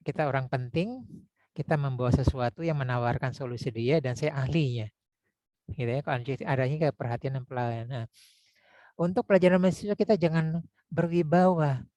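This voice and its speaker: A man teaching public speaking in a casual lecture, talking conversationally with frequent tag words and demonstrating deep and high vocal tones. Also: brisk, mellow, no echo, highs cut off. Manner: conversational, frequent "ya" and "gitu ya" tags.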